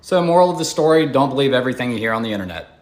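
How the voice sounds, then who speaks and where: A man's voice: mid-range voice, animated, rapid-fire, faint music behind. A man, a social media creator, casually telling his side of a story in a colloquial, matter-of-fact way. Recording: echoey room.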